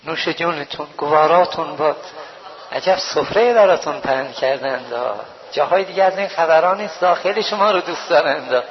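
High-voiced man preaching a lament sermon. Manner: rises into high wailing chant. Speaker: preacher at a mourning gathering. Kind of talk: religious sermon with chanted lament. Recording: dull low-fidelity recording.

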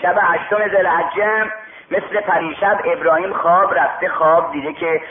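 A man's voice: high-pitched, steady tone, slight background noise. A man preaching a sermon, retelling a religious story and acting out its dialogue. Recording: echoey tinny radio broadcast.

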